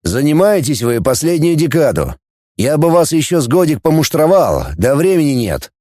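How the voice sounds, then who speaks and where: A man voicing a gruff, mocking male fleet commander who barks orders, in an audiobook. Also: on the high side, very animated, normal speed, mellow, no room sound, studio quality. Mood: commanding. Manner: barking orders, sneering.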